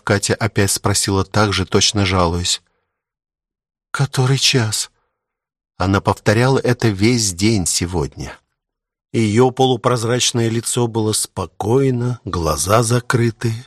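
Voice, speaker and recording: A man reading a novel aloud as an audiobook narrator, slow and measured. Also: on the low side, no echo, clean studio sound.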